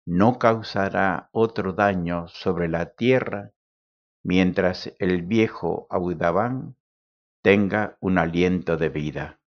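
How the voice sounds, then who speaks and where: A man voicing a devoted, frail old male servant who speaks solemnly and formally. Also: low voice. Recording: dull lo-fi recording.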